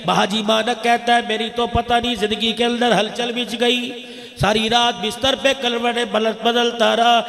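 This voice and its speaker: Man preaching, very high voice, impassioned chanting delivery, echoey hall with long reverb. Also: pushed and bright. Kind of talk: emotional sermon storytelling.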